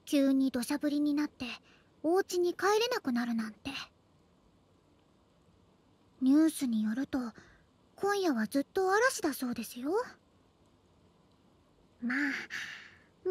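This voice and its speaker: A woman's voice: high voice, no room sound. An actress playing a teasing, clingy schoolgirl in love, in sweet, intimate pillow talk for an audio drama. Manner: sweet, coaxing pillow talk with whispered asides.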